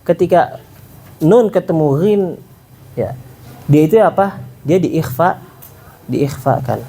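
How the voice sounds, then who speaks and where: A man giving a casual tajwid lesson, quizzing his listeners and sounding out letters slowly. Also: fairly high pitch, vocal fry, a little hiss or hum. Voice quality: animated, quizzing the audience, demonstrating sounds slowly. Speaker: Quran recitation teacher.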